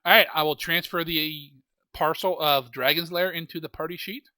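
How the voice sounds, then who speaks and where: A man's voice: on the high side, fairly even intonation, moderate pace, sharp tone, no room sound. A man running a tabletop game as game master, talking casually and bluntly with some teasing and swearing.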